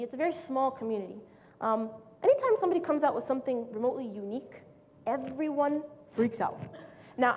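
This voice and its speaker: Lively young woman in an echoey hall. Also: fairly high pitch. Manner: lively, casual and joking. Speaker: speaker. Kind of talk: motivational talk. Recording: echoey hall, faint noise.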